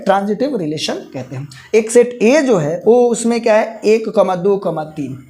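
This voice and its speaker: A man from India teaching a live online math class, explaining slowly step by step and repeating key terms with English words mixed in. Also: high-pitched, darkish tone.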